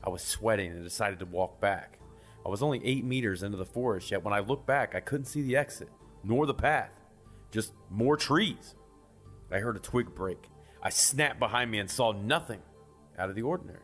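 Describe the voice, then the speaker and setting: A horror story narrator reads a scripted first-person creepypasta in a fairly low, slightly bright voice, with music playing behind him.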